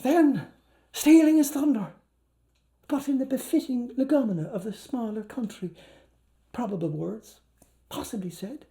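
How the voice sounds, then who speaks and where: An Irish-accented actor gives a theatrical, playful literary reading for a live audience, declaiming dramatically and drawing out his words. His very high voice is gravelly yet warm.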